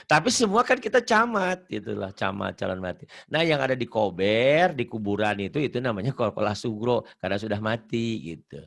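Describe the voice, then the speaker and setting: A man's voice: on the low side, very animated, a little fast, creaky, few pauses, a bit bright. A man teaching Quran recitation rules in a casual online lesson, joking, repeating himself and chanting verses as he goes. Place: online video call.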